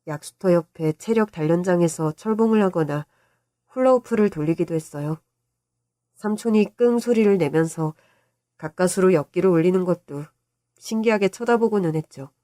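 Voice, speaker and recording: A woman's voice: lowish voice, warm tone, no room sound, clean studio sound. A woman reading a scripted story in a fond, reminiscent way. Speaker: story narrator.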